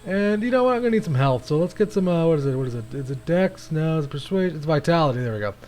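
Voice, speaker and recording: A chatty man talks his way through a video game in a loose, rambling manner, often restarting his sentences. His voice sits a bit higher than most men's. A faint hiss of noise stays under it. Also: animated, rapid-fire, darkish tone. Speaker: gaming channel host. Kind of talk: casual gameplay commentary.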